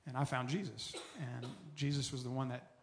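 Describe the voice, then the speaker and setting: A man in his forties giving an earnest personal recovery testimony, often dropping soft and low as he tells his story. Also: fairly even intonation, fairly quick, background noise.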